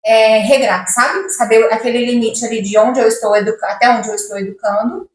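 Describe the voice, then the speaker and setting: A woman with a high voice chatting on a podcast, sharing firm opinions backed by stories from her own life. The room echoes around her. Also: fairly even intonation, a little fast, a little hiss or hum. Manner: opinionated, tells personal anecdotes. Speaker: podcast co-host. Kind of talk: casual chat.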